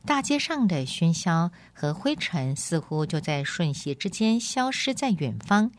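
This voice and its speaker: A woman radio host reading a storybook aloud in a calm, expressive storytelling manner. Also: fairly low pitch, a little slow, no room sound.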